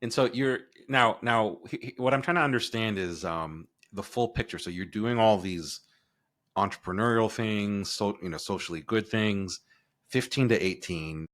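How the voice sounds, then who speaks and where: A man's voice: on the low side, normal speed, fairly bright tone, dry recording, clean studio sound. A middle-aged man co-hosting a podcast, joking and rambling, often restarting mid-sentence. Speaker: podcast co-host. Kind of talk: casual conversation.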